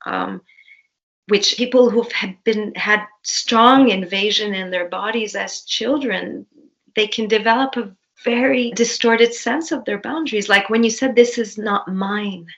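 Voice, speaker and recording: A woman therapist, a guest in an interview, who speaks gently and affirms the other speaker while explaining ideas. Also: a little high, unhurried, vocal fry, lo-fi sound.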